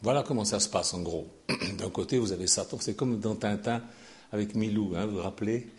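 An older man preaching a sermon, sarcastic and animated, dropping to low asides and rising to shouted peaks. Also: fairly quick.

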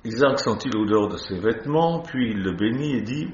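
A man's voice: mid-range voice, expressive, moderate pace, a little hiss or hum. Male preacher mixing Bible reading with light commentary; echoing, a bit dull recording. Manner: reads scripture with chatty, playful asides. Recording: echoey, slightly dull recording.

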